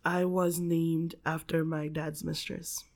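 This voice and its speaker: A woman's voice: low-pitched, level tone, slow, a little mellow. A woman from the Philippines chatting casually as a podcast guest, laughing often, swearing freely and filling gaps with um and like. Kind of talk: casual chat.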